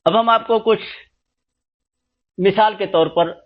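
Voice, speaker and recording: A man giving a slow, explanatory spoken lesson, spelling out letters one by one. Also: high voice, lo-fi sound. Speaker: teacher. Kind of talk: spoken lesson on script and pronunciation.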